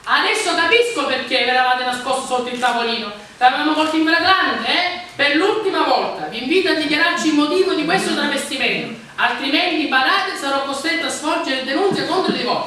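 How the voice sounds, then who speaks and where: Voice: high-pitched, fairly quick, few pauses, pushed and bright. An actor a playing a stern, bewildered seminary vice rector in a stage farce, questioning formally and pompously. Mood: stern, suspicious. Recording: echoey hall, distant mic, audience noise.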